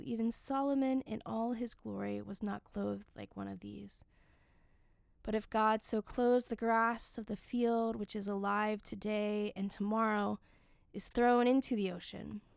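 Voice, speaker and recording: Woman leading prayers, creaky, dry sound. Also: on the high side, darkish tone, no echo. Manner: measured, solemn recitation in short phrases. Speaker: worship leader reading the daily office. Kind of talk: liturgical prayer and scripture reading.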